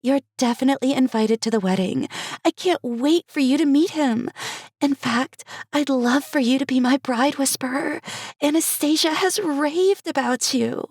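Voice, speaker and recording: A woman voicing a perky, excitable woman in her late twenties with a gushing, bubbly manner, as a cozy mystery audiobook character. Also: sits high, moderate pace, dry recording, clean studio sound, pitched above the performer's own voice. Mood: bubbly, grateful.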